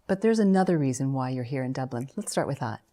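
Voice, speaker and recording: A woman professor hosting an interview, giving a formal introduction and then asking measured questions. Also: very deep voice, lively intonation, dark tone. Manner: measured, formal, reads names and titles.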